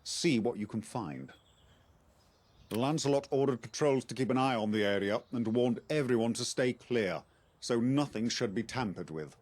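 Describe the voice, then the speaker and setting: A man voices a composed Arthurian officer handing out a quest in a video game. His mid-pitched delivery is formal, articulate and deliberate, with quiet authority. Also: close to an everyday voice. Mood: earnest, authoritative. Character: measured Arthurian knight-officer recruiting an outsider to investigate. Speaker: quest-giving game character. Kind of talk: scripted game dialogue.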